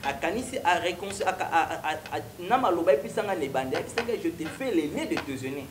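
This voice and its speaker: A young man with a Congolese accent preaches his story in a TV studio, his voice rising and falling with lively energy. He moves between French and Lingala, and the room adds a roomy echo over a faint hiss. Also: fairly high pitch, fast talker. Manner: animated, switches freely between French and Lingala. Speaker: prophet guest. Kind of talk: preaching testimony in studio interview. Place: TV studio with stone wall backdrop.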